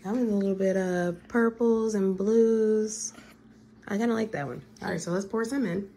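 A woman chatting casually with her child, gently coaxing and guiding her through a craft step by step. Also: medium pitch, moderate pace, slight background noise, rough recording. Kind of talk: casual family vlog chat.

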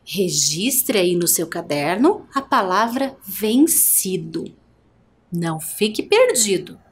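A woman's voice: mid-range voice, sing-song, slow pace, slight background noise. A woman teacher with a Brazilian Portuguese accent giving a televised primary school lesson, stretching out words syllable by syllable and asking the children questions.

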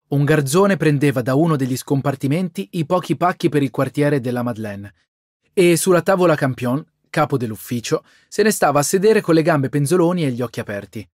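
A man giving a steady, scripted audiobook narration. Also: a little high, no room sound, studio quality.

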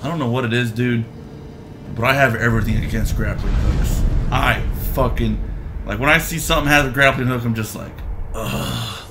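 A man's voice: medium pitch, moderate pace, background noise. A man chatting casually during gameplay, crude and swearing, laughing at his own jokes. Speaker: gamer.

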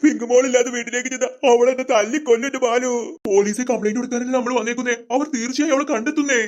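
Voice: mid-range voice, steady tone, racing, darkish tone, dull audio. A voice actor playing characters in a comic sketch, pleading and scolding. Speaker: comedy sketch performer voicing several characters. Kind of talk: comic family sketch acting.

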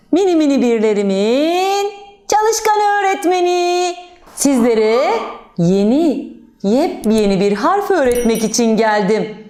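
A woman primary school teacher telling a story in a lively, sing-song lesson for young children. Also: high-pitched, reverberant. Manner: animated, sing-song, exaggerated teacherly delivery.

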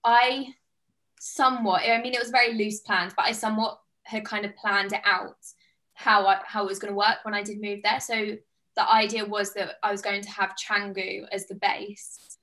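Her voice is mid-range and pushed and bright, yet flat in delivery, moving at a moderate pace. She's a woman in her twenties from the UK, an online fitness coach appearing as a guest on a casual video call, talking eagerly, chattily and with lots of hand gestures. She's indoors in a small room with plain walls.

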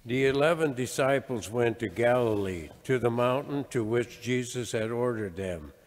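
An older man, a deacon, giving a solemn, deliberate gospel reading with cathedral echo in a large church. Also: mid-range voice, animated. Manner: measured, deliberate phrasing.

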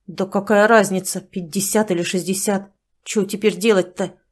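A crude, grumbling older village man, as a woman reader puts him on. He is blunt and coarse, and his lines come out gruff and exasperated. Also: medium pitch, fairly even intonation, moderate pace, close to an everyday voice.

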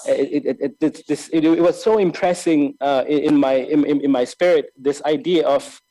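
A filmmaker from Lesotho leads a master class, thinking aloud slowly in a reflective spoken lecture with a mellow voice slightly higher than average for a man. Frequent restarts and repeated words mark his halting search for phrasing, and he uses hand gestures. A desk microphone on a stand captures him inside a large, bright hall with tall windows.

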